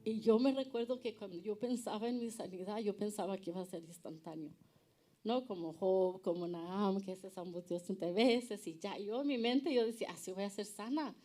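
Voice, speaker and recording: A woman's voice: medium pitch, moderate pace, warm tone. A woman sharing an earnest personal testimony at a church panel, often ending phrases with a tag question. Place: church service.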